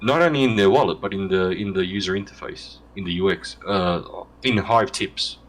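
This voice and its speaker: A man's voice: deep voice, moderate pace. A man guest in a casual interview, talking at length in a loose, joking way with frequent restarts. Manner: rambling, joking, self-correcting.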